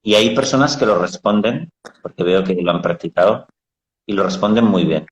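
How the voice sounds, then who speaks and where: Low-voiced man talking frankly, roomy echo. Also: normal speed, muffled recording. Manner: frank, explanatory, uses blunt everyday words. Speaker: psychologist host. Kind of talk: casual live talk.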